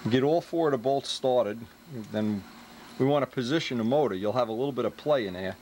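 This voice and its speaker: A man's voice: mid-range voice, brisk, darkish tone, slight background noise. A man giving casual hands-on workshop commentary, joking and teasing his helpers as he instructs them. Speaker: host, model plane builder directing helpers.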